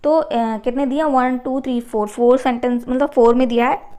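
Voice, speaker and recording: A woman teacher explaining a school lesson in a patient, step-by-step way. She reads the passages slowly and clearly. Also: high voice, steady tone, mellow.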